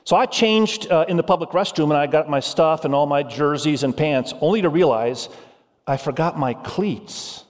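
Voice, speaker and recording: A man's voice: fairly high pitch, moderate pace. Man preaching in a reverberant church hall. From Indonesia. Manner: animated preaching, urging the congregation. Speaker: pastor. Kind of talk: sermon.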